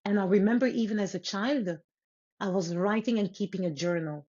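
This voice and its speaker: A guest author from Congo, whose first language is Lingala, tells reflective stories in an interview, speaking earnestly and without hurry and pausing and restarting as she thinks. Her voice is mellow and slightly rough at an ordinary middle pitch for a woman, and the audio is slightly dull and muffled.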